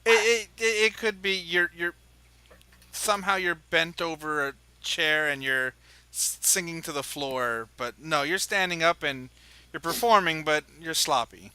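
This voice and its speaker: A man with a sharp, ringing tone and a slightly high voice, running a tabletop game. He talks briskly and teases his players, pushing them to get into character. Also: clean tone, no room sound, rough recording. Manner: brisk, teasing, eggs players on. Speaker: game master.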